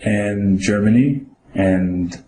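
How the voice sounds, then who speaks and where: In a mock citizenship interview, an older man from Venezuela answers questions in short, complete, careful sentences. His voice is on the low side and warm, and he speaks very slowly. The recording has a roomy echo with faint ambience and slight background noise.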